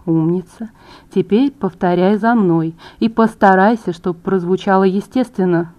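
Woman doing a soft-spoken creepy bad guy on the phone, slow and quiet, audiobook read. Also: medium pitch, lightly acted. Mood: cold menace. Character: smooth-voiced menacing male tenor villain, calm.

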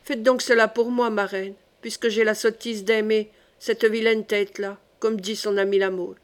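Audiobook: woman reader doing a lively court lady, playful and persuasive. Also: medium pitch, normal speed, lightly acted. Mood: coaxing. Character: playful teasing young duchess.

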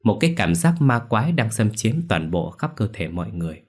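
A man telling a ghost story in a steady, measured scripted narration. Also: fairly low pitch.

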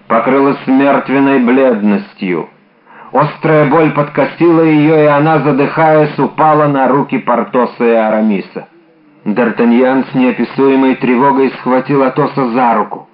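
A man narrating a classic adventure novel in a measured, dramatic way. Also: mid-range voice. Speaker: audiobook narrator. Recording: dull lo-fi audiobook recording.

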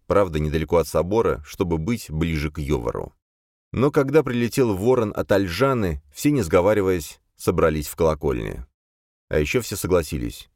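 A man narrating a fantasy novel in an expressive storytelling way. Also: deep voice, no room sound, clean studio sound. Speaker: audiobook narrator.

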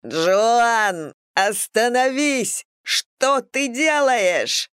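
A woman voicing a panicked, angry young man who shouts. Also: medium pitch, slow, no room sound, clean studio sound, natural voice. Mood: frantic.

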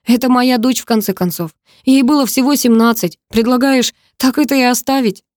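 A woman's voice: fairly high pitch, moderate pace, a little mellow, no room sound, clean studio sound, voice pushed up, lightly acted. A woman voicing a furious, protective father in a novel reading, with indignant outbursts.

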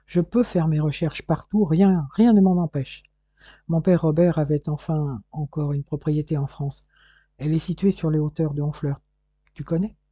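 A man's voice: fairly high pitch, steady tone, moderate pace, dark tone, no room sound, dull audio, close to an everyday voice. A man reading as a decisive loving husband. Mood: fond. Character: eminent male researcher, loving decisive husband.

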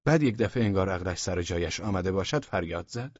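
Low husky guy reading an audiobook, warm and measured, dips into near-whispers, dry muffled recording. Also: expressive, dry recording. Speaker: audiobook narrator. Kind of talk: scripted audiobook narration.

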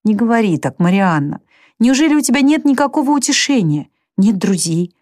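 A gentle, steady elder sister, as a female narrator voices her, speaking low and soft to soothe. The recording is dry and close. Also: a little fast, no room sound. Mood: earnest.

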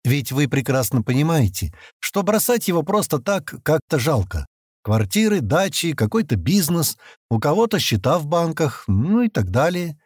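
Brief: man voicing a clever young guy, polite, measured, businesslike, slightly raised pitch, dry recording. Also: very animated, no room sound. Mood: calm. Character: sharp, polite young man asking questions.

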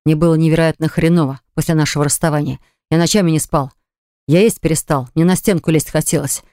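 A woman's voice: deep voice, steady tone, fast talker, dark tone, dry recording, clean studio sound, close to an everyday voice. A woman voicing an insistent young man who pleads earnestly with his ex in an audiobook. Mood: anguished. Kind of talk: audiobook dialogue.

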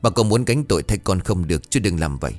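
A man doing a calm young policeman. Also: deep voice, fast talker, no room sound, faint music behind. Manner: calm, reassuring.

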